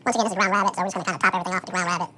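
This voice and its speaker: A sped-up chipmunk voice chatters through a casual kitchen how-to, bright and sharp in tone, racing along at a frantic clip with a faint hiss behind it. The speaker stays relaxed, thinking aloud and dropping in plenty of fillers. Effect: sped-up chipmunk voice, high and fast. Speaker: home cook preparing dog food. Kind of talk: casual how-to commentary while working.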